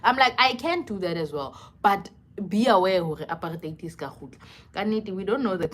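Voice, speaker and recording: A young woman with a South African accent chatting casually and expressively on a livestream, slipping between English and local languages. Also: medium pitch. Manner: expressive, conversational. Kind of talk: casual live chat.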